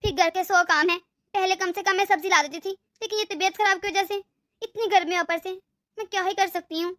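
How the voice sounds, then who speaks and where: A woman's voice: very high voice, fairly even intonation, fairly quick, fairly bright tone, no room sound, clean studio sound. A woman voicing a hardworking, polite young daughter-in-law in a cartoon, weary and defending herself. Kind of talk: Hindi cartoon voice acting.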